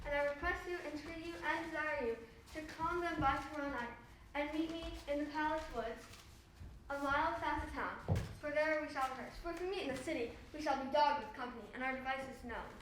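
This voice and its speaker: A fussy carpenter calling the roll of his amateur actors, played by a woman. The voice is high and brisk in manner. It comes from a distance, with heavy room echo and a faint hiss behind it. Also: a bit bright. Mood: directing. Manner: businesslike, directing the others. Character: fussy organizing male carpenter, Peter Quince. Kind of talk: Shakespeare scene performance. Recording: very echoey room, voice heard from a distance.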